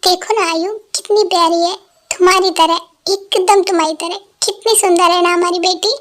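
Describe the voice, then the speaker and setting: Grieving husband, pleading and tearful, dubbed by a woman in a very high voice. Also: fairly even intonation, moderate pace, fairly bright tone, slight background noise. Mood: pleading grief. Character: grieving young husband, man in his twenties. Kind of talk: Hindi fan dub.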